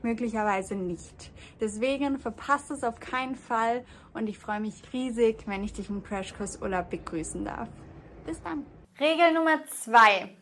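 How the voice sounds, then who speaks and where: Woman, Spanish teacher, slow patient explanations, higher voice. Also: animated, fairly bright tone, a little hiss or hum. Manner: patient, stressing example words slowly. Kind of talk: explaining grammar rules to camera.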